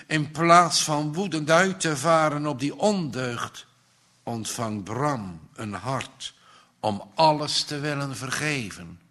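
A man reading a story aloud in a measured, earnest way. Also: on the high side, bright, forceful tone. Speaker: narrator.

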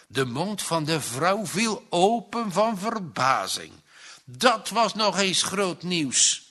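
A man reading a storybook aloud, slow and expressive. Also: fairly high pitch. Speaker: narrator.

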